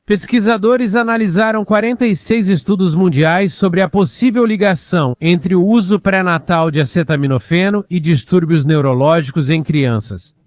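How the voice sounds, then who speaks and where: A man with a slightly high voice talks over clips, mocking and sarcastic. The sound is dry and close. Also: normal speed, hardly any pauses, darkish tone, no room sound. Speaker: commentator.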